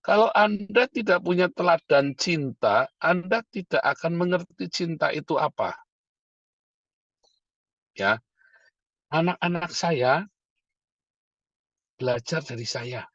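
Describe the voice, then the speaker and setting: A man's voice: on the high side, animated, takes it slowly, pauses often, fairly bright tone, no echo, highs cut off. A middle-aged man, a pastor, preaching a sermon and calling to his listeners as brothers and sisters.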